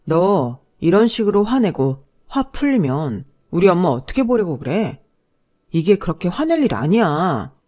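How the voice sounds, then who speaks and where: A woman's voice: fairly low pitch, sing-song, unhurried, mellow. A woman doing a smug, dismissive young fiancé. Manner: dismissive, lecturing.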